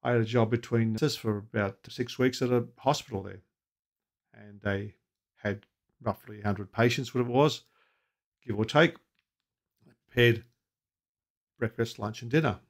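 A man's voice: mid-range voice, measured pace, pauses often. Man, 60s, consultant explaining kitchen practice to camera; plain, practical, anecdotal delivery. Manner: practical, anecdotal, asks viewers questions. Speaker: restaurant consultant. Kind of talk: advice video to camera. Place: home office with bookshelves, indoors. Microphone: webcam at desk.

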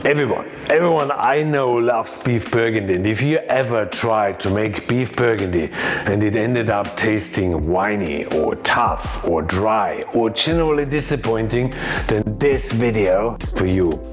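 Chef in his forties, slightly low voice, explains recipes eagerly to camera in a kitchen. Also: measured pace, faint music behind. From Austria. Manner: chatty, emphatic, explanatory. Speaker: chef and cooking teacher. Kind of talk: cooking lesson. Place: home kitchen, indoors.

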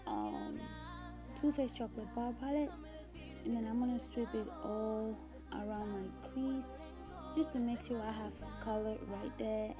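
A young woman chatting casually as a beauty vlogger giving a makeup tutorial, recorded on a phone in a room at home. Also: medium pitch. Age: young adult. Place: small room at home, indoors. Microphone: smartphone at about arm's length. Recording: music playing behind the voice. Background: background music.

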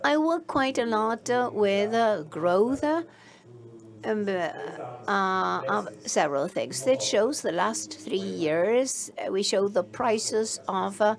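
A woman giving a simultaneous interpretation of a conference keynote, halting and filling pauses with many hesitation sounds. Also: mid-range voice, expressive.

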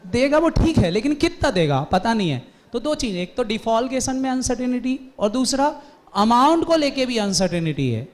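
High-voiced man lecturing a commerce class. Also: moderate pace. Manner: animated storytelling, quizzing students. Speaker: commerce teacher.

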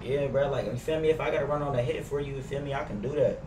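Speaking quickly in a steady, mid-range voice, a young adult American streamer roleplays in a crime game and talks casually in slang. He's indoors at home on a gaming headset. The audio is noisy, echoey, and a bit distant, backed by in-game car and ambience noise.

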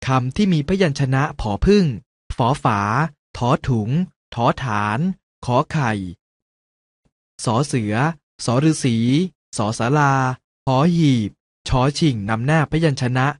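A man's voice: medium pitch, expressive, no echo. A man narrating a school lesson for young children, carefully reading out words and their pronunciations. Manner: slow, careful word-by-word reading aloud. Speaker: teacher.

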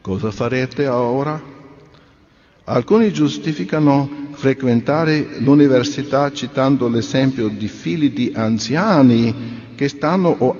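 A man delivering a sermon in an earnest, measured way, full of rhetorical questions to his listeners. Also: medium pitch, a little mellow. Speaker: speaker at a religious convention. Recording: dull reverberant recording.

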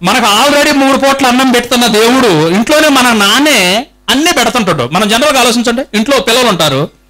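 Male preacher, very high and bright tone, emphatic, question-driven sermon delivery. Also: brisk, rough recording. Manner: rhetorical questions to the congregation; animated, emphatic repetition.

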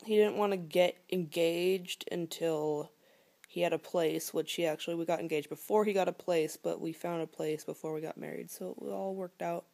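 Twenties woman vlogging at home, close cam, warm lowish voice, rambly with lots of ums. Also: fairly even intonation, moderate pace, gravelly. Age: 20s. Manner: chatty, rambling with many fillers, drops to a whisper at times. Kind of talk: casual chat to camera. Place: living room at home, indoors. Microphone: phone or laptop camera held close.

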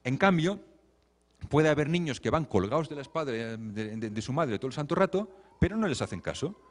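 A man gives a lecture while commenting on a video. He talks in a lively, wry way and acts out what the children and mothers say. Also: mid-range voice, fairly quick. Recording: long hall reverb.

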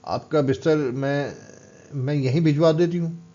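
A man voicing a timid young woman who speaks hesitantly and in a hushed way, in a storybook reading. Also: fairly high pitch, steady tone, a little slow, pitched above the performer's own voice, lightly acted. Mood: anxious. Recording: dull lo-fi recording.

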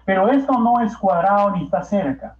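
Coaxing, questioning math teacher. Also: male voice, high-pitched, normal speed. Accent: Peruvian Spanish. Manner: coaxing, peppered with rhetorical questions. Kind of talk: classroom lecture. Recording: echoey, dull lo-fi classroom recording.

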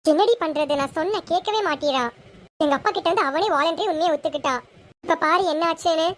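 An anxious, guilt-ridden teenage schoolgirl, voiced by a woman keeps blaming herself in a high voice. She talks on as if on a phone call. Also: fast. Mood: distressed.

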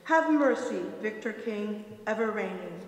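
A woman's voice: mid-range voice, lively intonation, a little slow. Older woman reading in an echoey church. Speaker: lector. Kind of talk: solemn liturgical reading. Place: large brick church, indoors. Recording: echoey church with long reverb.

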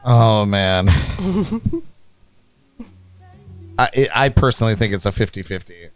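A man's voice: lowish voice, big pitch swings, slow pace, faint music behind. A man hosting a casual game night, joking around and reading comments from his viewers. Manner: joking, reads viewer chat aloud. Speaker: game host. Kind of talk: casual chat, running a game.

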